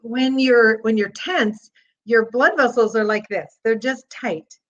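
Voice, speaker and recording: Over a video call, a woman who teaches laughter yoga gives an interview, explaining things calmly and then breaking into demonstration laughter. Her voice sits slightly high and moves slowly, with the high frequencies clipped.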